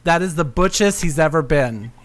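A man's voice: a little high, expressive, moderate pace. A man hosting a podcast in a casual, rambling, affectionate and campy way. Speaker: podcast host.

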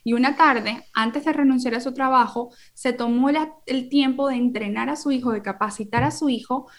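A woman's voice: sits high, normal speed. Earnest woman explaining parenting. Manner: earnest, explains through everyday examples. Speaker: podcast guest, parenting educator. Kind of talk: conversational podcast explanation.

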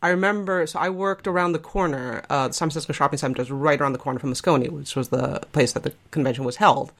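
Chatty woman in her forties from spain, gravelly creaky voice, rambles and restarts a lot. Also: low-pitched, fast. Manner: rambling, chatty, self-interrupting. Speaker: podcast co-host. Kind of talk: casual conversational chat.

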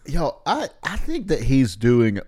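A man co-hosting a casual movie watch party, animated and quick to laugh at the film. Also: mid-range voice, husky. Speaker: podcast co-host.

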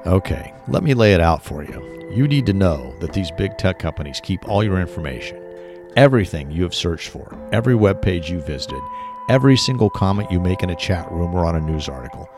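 With a deep voice at normal speed, a man plays a paranoid, middle-aged former tech worker, speaking urgently and insistently in an agitated mood. Music plays behind him.

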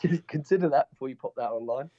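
Speaking quickly in a mid-range voice, a man with a head cold co-hosts a podcast over Skype, sounding muffled as though heard through a wall. His casual chat wanders and he keeps correcting himself, while a crowd can be heard behind him on the dull, lo-fi call.

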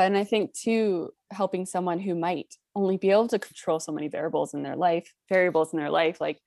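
Low, creaky-voiced woman thinking aloud. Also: darkish tone, no echo, studio quality. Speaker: podcast panelist. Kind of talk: casual reflective discussion.

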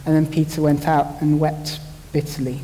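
A man's voice: on the high side, little pitch movement, moderate pace, dark tone, a little hiss or hum. Chatty man, echoing hall. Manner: chatty, jokey, thinks aloud with restarts. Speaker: church speaker. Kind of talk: informal Bible talk. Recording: long hall reverb.

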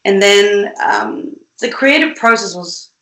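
A young woman from Sweden talks freely as a guest, full of fillers, restarts and soft laughs. Her voice sits at an ordinary middle pitch. The room gives it a noticeably echoey, roomy sound. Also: expressive, slow. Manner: chatty, many fillers and restarts, laughs often. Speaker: independent musician, guest. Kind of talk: casual interview chat.

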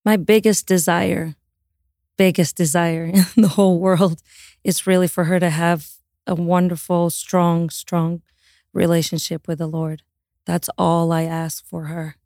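Woman, mother, casual testimonial talk, mellow timbre, dry close sound. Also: on the low side, flat delivery, a little slow, no room sound. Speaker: mother interviewee.

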